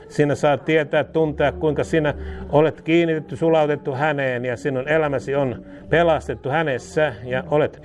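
A male preacher leads a charismatic prayer, slipping between plain speech and speaking in tongues. His voice sits a little higher than most men's. He chants with fervor and repeats each phrase twice. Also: darkish tone.

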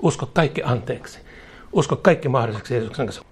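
A man's voice: mid-range voice, lively intonation, husky. A man preaching a charismatic sermon in emphatic, rhythmic repeated phrases, chuckling now and then.

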